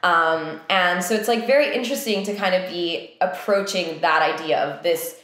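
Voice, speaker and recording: A young woman who co-founded and directs a theatre company chats casually, thinking aloud with plenty of fillers. Her voice sits on the low side and is a bit bright, at a normal speed. The room is very echoey.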